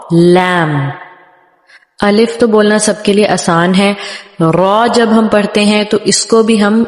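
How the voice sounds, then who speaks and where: A woman teaching a tajweed lesson, patiently explaining how letters are said and modeling each sound slowly, again and again. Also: medium pitch, a little mellow. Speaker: Quran recitation teacher. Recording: echoey room with long reverb.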